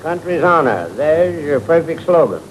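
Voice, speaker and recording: A man acting as a greedy, pompous war profiteer in an old satirical film. The voice sits high and declaims in brisk exclamations. The aged soundtrack has some noise and rumble. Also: sing-song, poor audio. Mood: gleeful scheming. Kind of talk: theatrical satirical sketch from an old American film.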